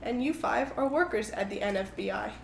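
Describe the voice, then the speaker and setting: A woman's voice: mid-range voice, a little fast, vocal fry, reverberant, a little hiss or hum. A young woman narrating as game master of a tabletop game, in a laid-back, casual way.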